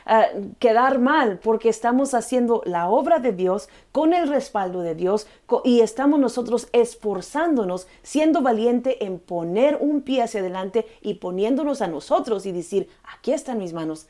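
A middle-aged woman talking about faith in an earnest, conversational way, now and then dropping English words into her Spanish. Her voice is mellow and warm. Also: on the high side, animated, moderate pace, hardly any pauses. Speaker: podcast host. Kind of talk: casual faith talk.

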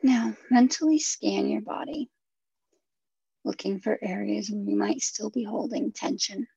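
A woman guides a relaxation meditation in a soft, breathy voice with heavy vocal fry, sometimes close to a whisper. Her tone is dark and mellow, and she gives instructions gently and soothingly. The recording is close and dry, slightly muffled. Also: medium pitch, unhurried, no echo. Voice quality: soft, breathy, husky, at times near a whisper.

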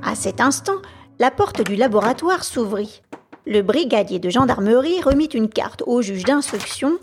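A woman narrating a classic detective story in a steady, measured way for a podcast. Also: on the high side, faint music behind. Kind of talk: audiobook narration.

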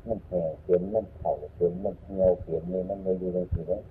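A man with an Isan accent giving an unhurried Buddhist dharma talk as a monk, repeating his points and humming between phrases. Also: deep voice, steady tone. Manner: unhurried, repetitive teaching with frequent hums. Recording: tinny phone-like lo-fi sound with faint noise.

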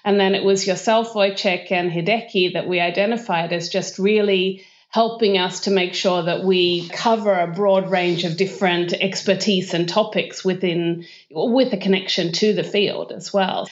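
A woman's voice: lowish voice, fairly even intonation, normal speed, dull audio. A woman speaking as an academic guest, explaining things in an interview. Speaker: professor, podcast guest.

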